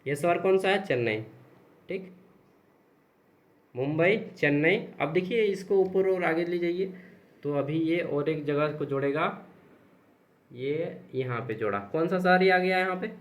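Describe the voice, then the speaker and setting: A man's voice: on the high side, lively intonation, a little slow, long pauses. A young man teaching an exam-prep lesson, chatty, asking questions and answering them himself. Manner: chatty, repeats and checks with students; explains with examples, asks and answers own questions.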